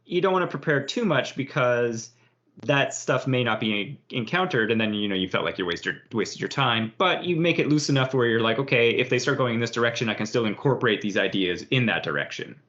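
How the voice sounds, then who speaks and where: A man co-hosting a podcast, giving rambling, relaxed advice on running tabletop games. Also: medium pitch, brisk. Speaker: podcast co-host and game master. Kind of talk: casual chat. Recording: dull lo-fi podcast audio.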